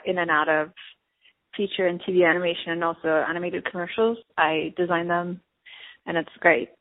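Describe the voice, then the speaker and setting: A woman from Turkey, an artist, answering interview questions in a reflective, casual way with many fillers and light laughs. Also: lowish voice. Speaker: artist and guest. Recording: narrow phone-like sound.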